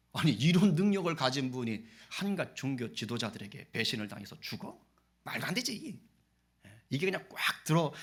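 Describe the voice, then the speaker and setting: A man's voice: on the high side, fairly bright tone. A man preaching a sermon as pastor of a church, talking in a chatty way and acting out the people in his story. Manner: conversational preaching, acting out quoted voices. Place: church sanctuary.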